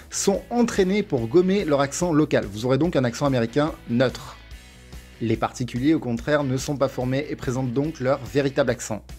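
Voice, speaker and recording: A man teaching English test prep from France, reading a clear, methodical scripted explanation. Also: mid-range voice, a little mellow.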